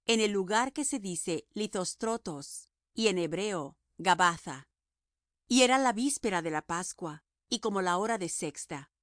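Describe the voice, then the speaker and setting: Female audiobook narrator, solemn measured scripture reading, dry booth sound. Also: medium pitch, no room sound.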